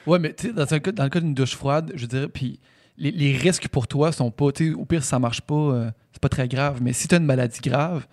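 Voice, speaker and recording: A man co-hosting a casual podcast chat, asking thoughtful questions in a measured way. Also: on the high side, darkish tone, no room sound, clean studio sound.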